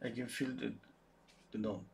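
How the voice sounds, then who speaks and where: A man's voice: mid-range voice, steady tone, normal speed, creaky, a little mellow. A man hosting a live oil-painting stream. He thinks aloud while he paints, answers viewers' chat, and often restarts his sentences. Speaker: painting livestream host.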